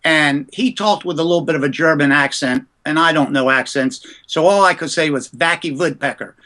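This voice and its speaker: A man from the US East Coast, a ventriloquist, telling lively anecdotes about his early career in a casual interview. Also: fairly high pitch, fairly quick.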